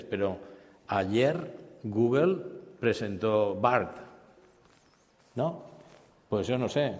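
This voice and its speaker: Fairly low and darkish, this man's voice comes from a business school panelist on a conference stage. He stumbles into restarts and caps his points with questions, and the hall's reverb carries his words.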